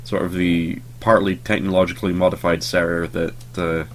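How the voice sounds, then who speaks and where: His voice sits low and his delivery is flat at a moderate pace as this young let's play host, just past a cold, walks through his game. The talk is sleepy and rambling, filled with ums and offhand swears, against slight background noise.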